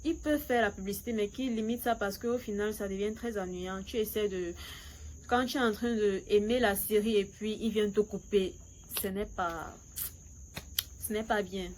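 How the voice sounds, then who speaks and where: A female YouTube series reviewer gives a casual, chatty opinion recap in French, which isn't her first language. She's fluent in English and speaks hesitantly with a foreign accent, sometimes switching into English. Her mid-pitched voice is steady and darkish at a moderate pace, with faint background noise.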